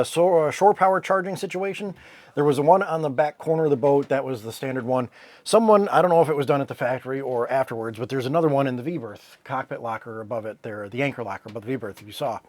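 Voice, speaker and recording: A man's voice: medium pitch, no room sound. Laid-back man touring his sailboat cabin. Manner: relaxed, rambling, with fillers and self-corrections. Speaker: sailboat owner giving a tour. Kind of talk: casual walkthrough vlog.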